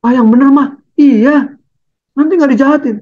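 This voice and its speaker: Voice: high-pitched, normal speed, pitched above the performer's own voice, close to an everyday voice. A preacher playing a coaxing mother. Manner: coaxing, gently insistent. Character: calm reassuring mother. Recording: dull lo-fi recording.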